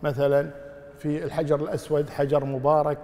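A male Islamic scholar takes listeners' questions, his replies measured and full of pious formulas. He talks at a quick clip in a fairly high voice. A long hall reverb trails after him. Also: level tone, mellow. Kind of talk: religious Q&A lesson.

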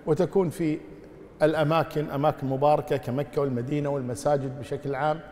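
A male Islamic scholar takes listeners' questions, his replies measured and full of pious formulas. He talks at a quick clip in a fairly high voice. A long hall reverb trails after him. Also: little pitch movement, mellow. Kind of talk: religious Q&A lesson.

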